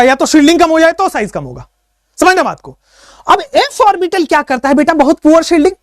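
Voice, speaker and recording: High-pitched, lively male chemistry teacher. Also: no room sound, studio quality. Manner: repeats points, coaxes students to answer; dictates notes very slowly. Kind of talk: online class lecture.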